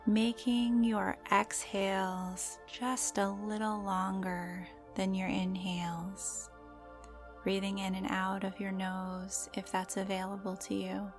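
A woman guiding a meditation in a soft, breathy, soothing voice, with gentle drawn-out phrasing and pauses. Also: medium pitch. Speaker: meditation guide.

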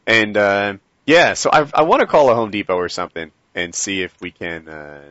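Low-pitched man, dull lo-fi audio. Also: expressive, moderate pace, a bit bright, no echo. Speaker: host of a live prank-call stream. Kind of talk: casual chat. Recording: muffled, dull low-fidelity stream audio.

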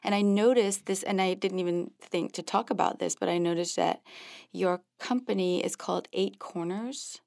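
A woman hosting a real estate podcast, gushing and excitable, quick to laugh. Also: medium pitch, gravelly. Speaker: podcast host. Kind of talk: casual podcast interview.

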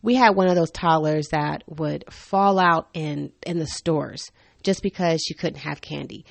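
An animated woman in her thirties tells stories in a candid, funny way and laughs often. Her voice sits fairly low, and the recording is dry and close. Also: creaky, no room sound. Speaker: podcast host. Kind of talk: personal storytelling monologue.

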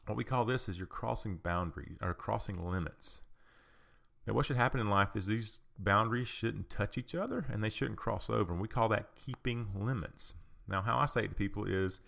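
A man giving an informal talk on personal boundaries, explaining patiently with rhetorical questions, frequent ums and an occasional cleared throat. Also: lowish voice, normal speed, a bit bright. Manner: clears his throat often.

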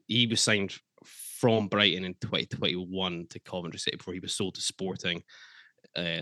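A man hosting a casual football podcast, chatty and quick to swear, laughing between points. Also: low voice, sharp tone, no room sound. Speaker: podcast host.

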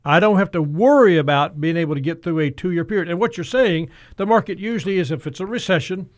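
A man's voice: high-pitched, fast talker. A man hosting a financial talk show, asking questions and summarizing the guest's points. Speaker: host.

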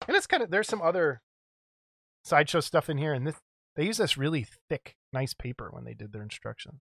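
A man's voice: fairly high pitch, sing-song, a little fast, creaky, fairly bright tone, no echo, studio quality. A middle-aged man co-hosting a casual show-and-tell about model kits, rambling and chuckling as he goes. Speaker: co-host of a model kit show.

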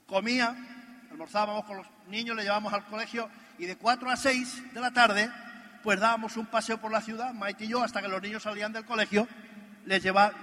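High bright-voiced man in a reverberant hall. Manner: animated storyteller, rhetorical questions. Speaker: motivational speaker at a business convention. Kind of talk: motivational stage talk. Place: large convention hall.

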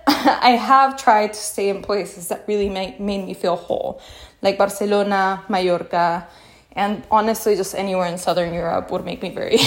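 A young woman from Peru, hosting a casual podcast monologue, candid and chatty, laughing often and saying "like" and "you know" a lot. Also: mid-range voice. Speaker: podcast host.

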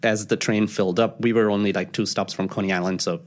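A man, a podcast guest who tells stories in a casual, animated way. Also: fairly low pitch, quick pace. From Pakistan. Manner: animated storyteller, acts out quoted voices. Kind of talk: casual storytelling interview.

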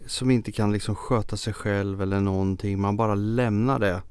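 Podcast host guy, smooth clear voice, dry sound, asks gentle follow-ups. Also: lowish voice, steady tone, no echo. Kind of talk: podcast interview.

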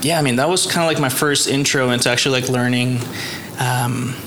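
A man's voice: mid-range voice, fairly even intonation, brisk, background noise. A man in his thirties from Costa Rica, a guest artist telling his story in a loose, rambling way with many fillers. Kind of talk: casual interview chat.

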